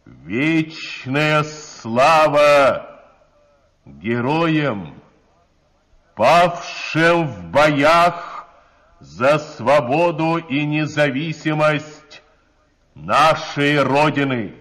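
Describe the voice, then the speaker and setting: Male radio announcer, solemn wartime state bulletin, booming declamation, slightly high pitch, long echoing reverb. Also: lively intonation, very slow, long pauses, a bit bright.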